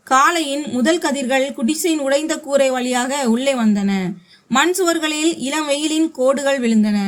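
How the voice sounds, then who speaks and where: A woman reading a scripted story aloud as narrator, giving the characters' quotes in her own voice. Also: high voice.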